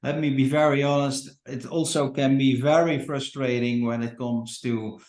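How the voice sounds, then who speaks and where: A man's voice: mid-range voice, fairly even intonation, moderate pace, a little mellow, echoey room. A man from the Netherlands with a Dutch accent, a company founder talking in a casual podcast interview, hesitant with many fillers and restarts. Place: Portugal.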